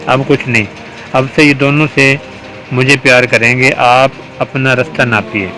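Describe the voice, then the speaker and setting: A man's voice: medium pitch, flat delivery, pushed and bright, slight background noise, natural voice, low-quality recording. Male reader as a teasing young husband, read in a plain storybook voice. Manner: teasing, mock-dramatic.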